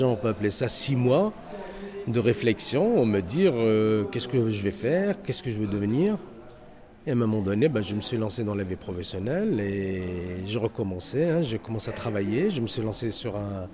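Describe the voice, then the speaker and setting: Lowish and mellow in voice, the head of a security training center, from Algeria and speaking with a North African accent, offers sincere, motivating testimony in an interview. He hesitates often, restarting and filling pauses, as crowd chatter fills the background.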